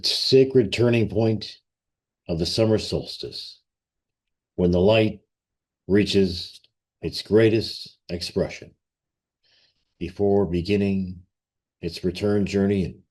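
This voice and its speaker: A man leads a ceremonial meditation in a fairly low, slightly mellow voice. He delivers short phrases very slowly, separated by long pauses, in a solemn, reverent manner reminiscent of a formal invocation.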